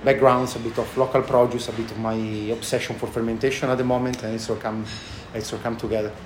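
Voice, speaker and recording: Casting: male interviewee, thick Italian accent, halting conversational delivery, roomy sound, light background noise. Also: medium pitch, little pitch movement. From Italy. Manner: halting, non-native phrasing. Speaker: chef and restaurant owner being interviewed. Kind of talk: casual interview answers. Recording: echoey room with background noise.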